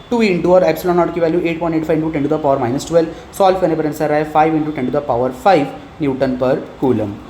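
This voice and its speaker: A male physics teacher walking students through an exam paper, reading each question out slowly and then explaining step by step how the marks are given, in a familiar tone. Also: a little high, warm tone. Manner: mixes Hindi and English, addresses students familiarly. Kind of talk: exam paper walkthrough lesson. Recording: roomy echo, faint background noise.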